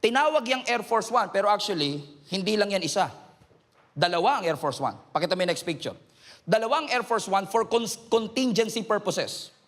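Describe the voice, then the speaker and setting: A middle-aged man with a Filipino accent, a pastor preaching a sermon to his congregation, mixing Tagalog with English and rising to shouts. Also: sits high, animated, moderate pace, long reverb tail. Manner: switches between Tagalog and English, calls for raised hands, rises to shouts. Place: large church hall.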